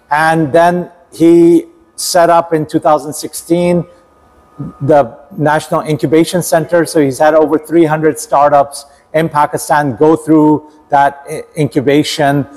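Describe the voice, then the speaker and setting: Higher-voiced male podcast host. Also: darkish tone, poor audio. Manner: conversational introduction with small restarts. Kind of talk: podcast interview.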